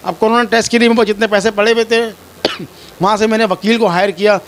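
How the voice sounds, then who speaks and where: A Pakistani complainant tells his story to a reporter in a high, fairly bright voice, keeping a steady tone at a fairly quick pace. He sounds distressed and pleading and often repeats himself.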